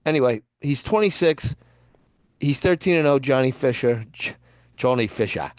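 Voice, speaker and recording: A man's voice: medium pitch, expressive, moderate pace, no echo, clean studio sound. A man co-hosting a podcast, rambling and laughing through casual boxing talk. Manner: laughing, rambling, stop-start. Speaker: podcast co-host.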